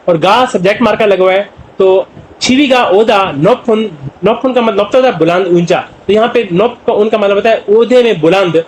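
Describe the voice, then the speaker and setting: Male language teacher, Pakistani Urdu accent, high voice, word-by-word explainer with steady fillers. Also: a little hiss or hum, poor audio. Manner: translates word by word, with many "jo hai na" fillers. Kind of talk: explanatory classroom lesson.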